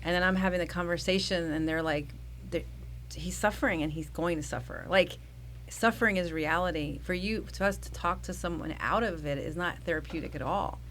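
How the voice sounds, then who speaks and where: A woman's voice: fairly low pitch, fairly even intonation, fairly bright tone, slight background noise. A middle-aged woman psychologist talking earnestly in an interview, with frequent restarts. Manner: earnest, talks fast with restarts. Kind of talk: conversational interview.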